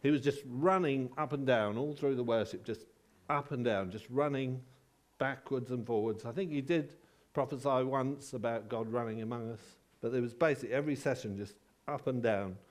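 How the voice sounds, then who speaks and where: A man preaching a sermon in a relaxed, conversational way, halting often and telling personal stories with self-deprecating humour. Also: mid-range voice.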